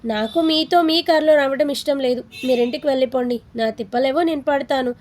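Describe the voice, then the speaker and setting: A woman's voice: high-pitched, brisk, close to an everyday voice. A woman reading a storybook voices a feisty young female assistant who talks back sarcastically. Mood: sarcastic. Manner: sarcastic, sharp-tongued.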